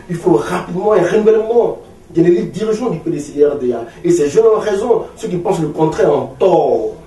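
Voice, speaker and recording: Warm and pitched fairly high, the voice is that of a man in his forties from Ivory Coast who leads an opposition party and is being interviewed. He speaks with an Ivorian French accent, emphatically and rhetorically, returning to repeated phrases. Recorded roomy and distant, with a trace of noise.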